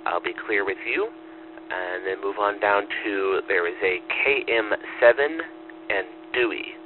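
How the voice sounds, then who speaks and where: A man running a ham radio net, acknowledging check-ins in steady, formal phrasing, heard as a radio transmission with static. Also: on the low side, a little slow. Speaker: net control operator. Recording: tinny radio line with static.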